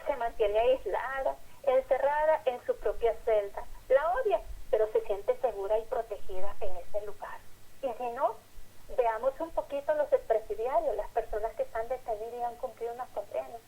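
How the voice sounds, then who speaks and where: A woman with a fairly high, mellow voice gives an earnest sermon-style lecture. She talks in short, measured phrases and acts out the lines she quotes. The sound is lo-fi and a little phone-like. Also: slightly rough.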